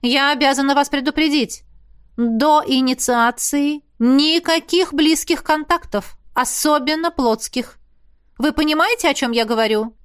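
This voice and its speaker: A woman's voice: high voice, unhurried, voice pushed up. A woman voicing a fussy female teacher at a magic academy, strict and scolding, in an audiobook. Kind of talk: audiobook character voice.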